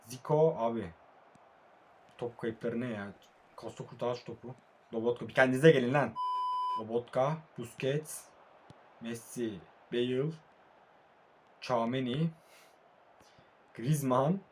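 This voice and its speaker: A young mobile football gamer narrates his match as he plays, sounding drowsy at this late hour. His mid-range voice stays casual, drifting from quiet murmurs to bursts of frustration.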